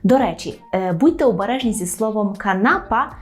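Female language teacher, patient and clear, mid-range voice, soft music bed. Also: medium pitch, animated. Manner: clear, patient explaining with slow, careful demonstration of words. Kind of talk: online language lesson.

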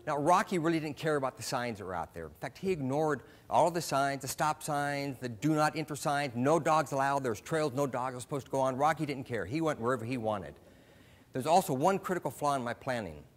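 A man's voice: mid-range voice, expressive, brisk. A middle-aged man from Alaska giving a short humorous stage talk, telling a story with self-deprecating comic timing. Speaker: speaker.

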